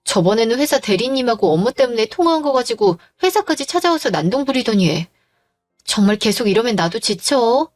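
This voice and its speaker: A woman's voice: fairly high pitch, sing-song, a little fast, dry recording, clean studio sound. A woman voicing a tired young wife who defends herself against her husband's jealous accusations, in a dramatized story. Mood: defensive. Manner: defensive, weary, pleading.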